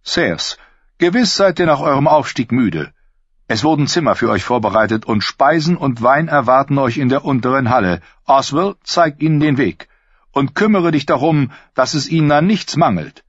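A man voicing a smooth, scheming male lord in an audiobook, courteous and silky in manner. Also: mid-range voice, expressive, normal speed, no echo, highs cut off, voice pushed up.

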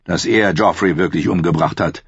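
A man's voice: deep voice, normal speed, breathy edge, no room sound. A man voicing a weary, stubborn knight in terse, restrained lines in an audiobook reading. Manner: curt and restrained. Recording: dull lo-fi, dry.

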